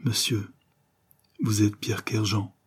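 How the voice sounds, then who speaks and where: A man's voice: fairly low pitch, expressive, normal speed, dark tone, husky. A man reading a remorseful young criminal son who timidly begs his father's forgiveness. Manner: timid, faint, then desperate.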